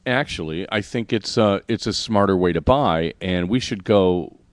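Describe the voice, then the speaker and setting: A man hosting a podcast in casual chat, rambling and correcting himself as he explains things slowly. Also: deep voice, no echo. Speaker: podcast host.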